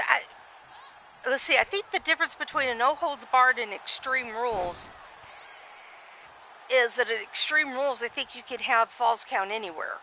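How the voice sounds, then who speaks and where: A woman's voice: a little high, bright, forceful tone, a little hiss or hum, rough recording. A woman giving chatty play-by-play of a simulated wrestling match, reading viewer comments aloud and often starting her sentences over.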